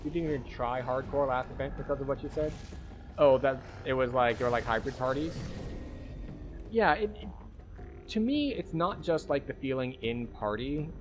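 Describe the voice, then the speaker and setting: A man's voice: mid-range voice, moderate pace, noisy background. A man giving casual gaming commentary and chatting with viewers in a rambling, wry, self-deprecating way. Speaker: game streamer.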